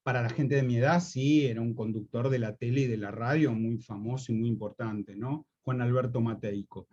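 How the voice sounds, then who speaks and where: A man in his fifties with a Rioplatense Spanish accent, giving a slow, explanatory university lecture on slang and repeating his key points for students. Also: medium pitch, fairly even intonation, darkish tone, dull audio, slight background noise.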